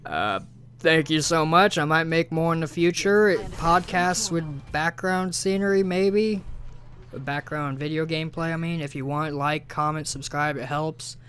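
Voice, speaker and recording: A man's voice: fairly high pitch, a little slow, fairly bright tone. A man rambling over his gameplay footage, stammering with lots of filler words, recorded on a home mic without a pop filter. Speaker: gaming video creator.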